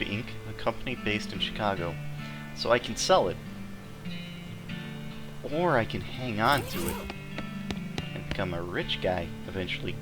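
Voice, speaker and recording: A man streams a video game with casual, offhand commentary. He reads game text aloud and drops in playful asides. Guitar music is clearly heard behind him. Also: fairly low pitch, poor audio.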